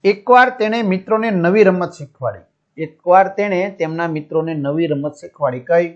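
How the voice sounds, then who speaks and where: High-voiced man teaching a lesson, lo-fi. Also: normal speed. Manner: repeats each sentence in simpler words, checks in with pupils. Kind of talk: reading and explaining a school lesson. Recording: dull lo-fi sound.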